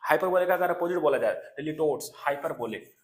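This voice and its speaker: A man's voice: on the high side, animated, fast talker, roomy sound. A man giving an exam coaching lecture, repeating key terms and checking in with students often. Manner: repetitive, checks in with "है ना" and "clear". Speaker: exam prep teacher.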